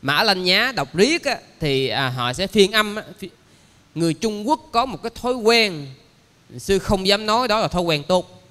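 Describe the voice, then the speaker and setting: A man, a Buddhist monk giving a dharma lecture, explaining slowly with many pauses and fillers. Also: high voice, expressive, fairly bright tone. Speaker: Buddhist monk teaching a sutra class. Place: temple lecture hall. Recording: long hall reverb.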